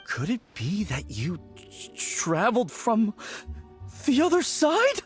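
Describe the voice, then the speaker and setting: A jumpy stammering apprentice undertaker. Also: male voice, extremely high pitch, sing-song, a little slow, fairly bright tone, soft background music, full character voice. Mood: nervous. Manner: stammering, panicky, overly formal. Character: young male undertaker apprentice, timid, jumpy. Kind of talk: game voice acting.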